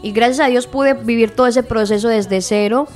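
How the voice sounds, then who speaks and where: A woman's voice: on the high side, fairly even intonation, moderate pace, darkish tone, soft background music. A young woman who grew up in Spain, a singer being interviewed on the radio, talking in a friendly, chatty way with frequent fillers and tag questions. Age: young adult.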